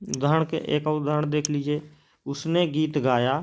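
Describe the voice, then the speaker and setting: A man's voice: on the high side, level tone, moderate pace, darkish tone. A man teaching a grammar lesson, writing examples on a board, repeating words as he writes and answering his own questions.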